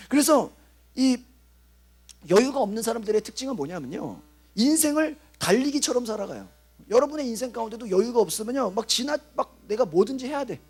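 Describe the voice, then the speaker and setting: A man, a pastor, preaching at a youth rally in a lively, conversational way, acting out inner voices and checking in with listeners. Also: very high voice, husky. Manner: animated, acts out inner voices and asks the audience "어?".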